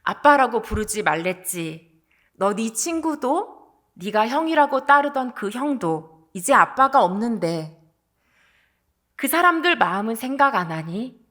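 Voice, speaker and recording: A woman's voice: on the high side, very animated, measured pace, a bit bright. Woman quoting a stern grieving male pastor. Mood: tearful. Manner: stern and tearful scolding. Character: grieving middle-aged male pastor, stern with his son.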